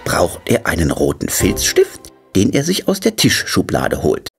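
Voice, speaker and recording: A man narrating a children's cartoon story in a gentle, coaxing way, speaking to the little hero. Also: sits low, wildly swooping pitch, measured pace, creaky, music in the background. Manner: gentle, coaxing, talks to the figure.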